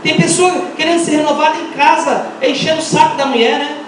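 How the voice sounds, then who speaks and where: A middle-aged woman with a Brazilian accent preaching an impassioned Pentecostal sermon, firing rhetorical questions and breaking into shouts. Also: high voice, fairly even intonation, fairly quick, soft background music. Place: large church hall. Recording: echoey church hall, mic far off.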